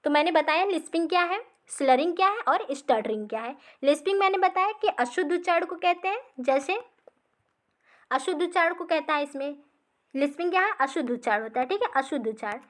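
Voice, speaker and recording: In an exam-practice lesson, a woman with a light, high voice teaches slowly, going over each point twice. She checks in with listeners after nearly every line, and her intonation is lively.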